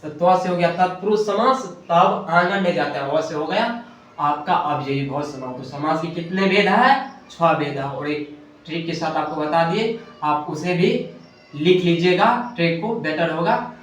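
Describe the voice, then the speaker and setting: A man's voice: a little high, measured pace, fairly bright tone. A man teaching a Hindi grammar lesson at a board, asking questions and answering them himself, often correcting himself. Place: classroom with a board. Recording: very echoey room, distant mic, faint hiss.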